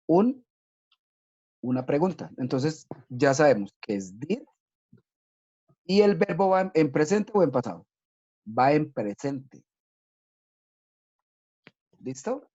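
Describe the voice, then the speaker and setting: A man's voice: medium pitch, warm tone, slightly rough. A man teaching children English, patiently explaining step by step and often checking in with "¿listo?". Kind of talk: recorded online class for children. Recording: dull lo-fi recording.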